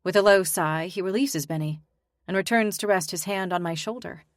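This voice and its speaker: A woman's voice: fairly low pitch, normal speed, dry recording, studio quality. A young woman giving emotional, weary first-person audiobook narration. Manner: emotional, weary, introspective delivery.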